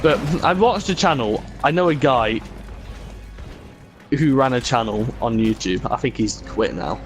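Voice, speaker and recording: A man's voice: medium pitch, lively intonation, measured pace. A man chatting casually and rambling as he plays a video game, swearing freely and slipping into mock imitations of others. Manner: sweary, frequently mimics others mockingly. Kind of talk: casual rambling chat while gaming. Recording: music behind the voice. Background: music.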